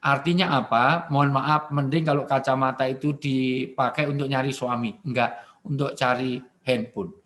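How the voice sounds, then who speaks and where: A man from Indonesia giving a humorous virtual sermon from his home, animated and joking, often addressing his listeners directly. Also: medium pitch, normal speed. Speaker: preacher.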